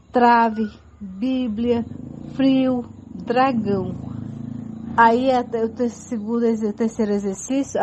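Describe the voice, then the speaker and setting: A woman's voice: a little high, darkish tone. A woman teacher giving a radio lesson for adult learners, patiently spelling out letters and listing example words. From Amazonas, Brazil.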